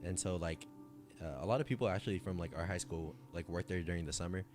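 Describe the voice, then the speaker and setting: A young man with a very low voice talking casually as a guest. He is laid-back, keeps his phrasing loose, and fills his sentences with "like" while he recalls things. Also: quick pace, music in the background. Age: young adult. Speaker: guest, host's cousin. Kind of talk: casual chat.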